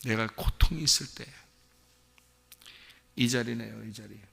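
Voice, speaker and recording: A male pastor preaching a sermon in a church sanctuary, speaking with deep emotion that climbs into fervent shouting. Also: steady tone, a little slow, creaky, slightly rough. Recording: long hall reverb.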